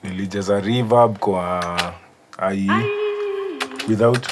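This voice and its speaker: Slow and low-pitched, this man speaks with a Kenyan accent against some background noise. As a music producer, he walks casually through his studio, code-switching between English and Swahili.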